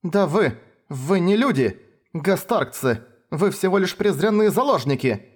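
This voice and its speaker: A man reading a story, putting on a haughty young noblewoman, a count's daughter who is quick to anger. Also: expressive, natural voice. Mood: furious. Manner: raised pitch, indignant and shrill when angry.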